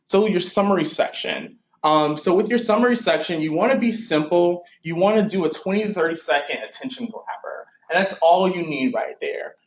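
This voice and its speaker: A man's voice: sits high, moderate pace, few pauses, reverberant. A young man giving an informal instructional presentation as a career advisor, speaking with braces in his mouth, conversational and often rephrasing himself. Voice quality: speech slightly impeded by braces. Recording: dull, lo-fi recording.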